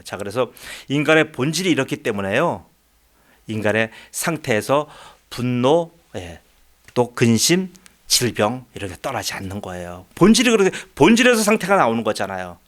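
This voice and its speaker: A man's voice: mid-range voice, fairly bright tone. A man, the pastor, preaching a sermon in a church, emphatic, with rising peaks and frequent short affirming asides. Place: church sanctuary.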